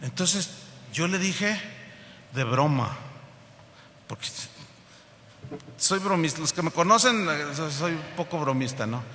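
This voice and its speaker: A man preaching a sermon, telling a personal story in a lively way and acting out the people he quotes. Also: a little high, a little slow, pauses often, a little hiss or hum. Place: church hall. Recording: reverberant hall, faint ambience.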